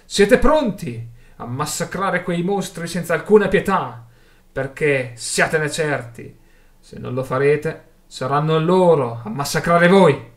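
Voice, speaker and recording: A man voicing a young male adventurer who rouses a frightened crowd with loud, impassioned oratory. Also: a little high, expressive, slow, voice pushed up. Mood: fiery rallying shout.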